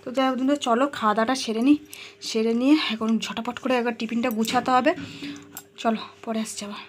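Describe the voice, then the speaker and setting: Quick chatty woman vlogger. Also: fairly high pitch, steady tone, a little hiss or hum. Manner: chatty, talks straight to viewers. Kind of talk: casual home vlog narration. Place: home kitchen.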